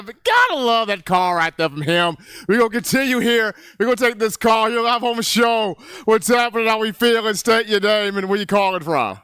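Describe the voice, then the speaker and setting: A man hosting a sports call-in show, taking calls in an excitable, hype manner. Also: high-pitched, smooth, no echo. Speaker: host.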